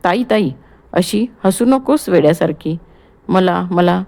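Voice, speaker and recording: A woman's voice: lowish voice, animated, measured pace, creaky, darkish tone. A woman voicing a cold, needling young man in an audiobook play reading. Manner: cool and needling.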